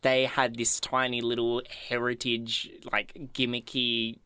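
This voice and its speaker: A man's voice: medium pitch, completely flat delivery, unhurried, sharp tone, clear, resonant tone, no echo. A man co-hosting a podcast, explaining trivia in a casual, enthusiastic and rambling way. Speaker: podcast co-host.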